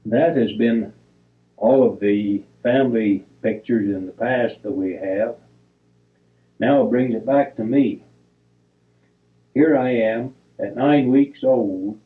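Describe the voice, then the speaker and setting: An older man talks through old family photos at an unhurried, plodding pace, stopping between names and dates and fixing his own slips along the way. His voice sits at an ordinary middle pitch, and the sound is thin and boxy, as if it came over a phone line. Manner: halting, reads dates piece by piece, corrects himself. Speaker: family storyteller. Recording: tinny, phone-like recording.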